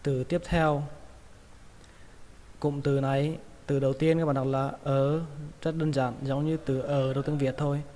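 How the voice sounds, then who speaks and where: A man's voice: medium pitch, a little mellow. A man with a Vietnamese accent teaching English pronunciation, patiently repeating each word. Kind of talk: pronunciation lesson. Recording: long reverb, faint ambient noise.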